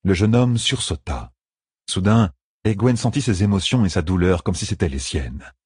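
A man narrates a fantasy novel in a low, husky voice, measured and dramatic. The sound is dry and close, with no room. It reads like a studio audiobook. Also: animated, darkish tone, dry recording.

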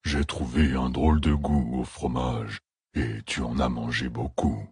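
A man voicing a huge, gentle male scholar who speaks softly, slowly and with concern. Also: a bass voice, steady tone, breathy edge, dry recording, studio quality, voice pushed down, full character voice.

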